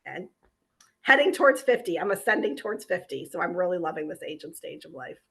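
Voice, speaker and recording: A woman in her forties, a life coach guest on a podcast, talking in a warm, halting way and laughing easily. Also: fairly low pitch, lively intonation, gravelly. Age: 40s. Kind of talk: interview chat.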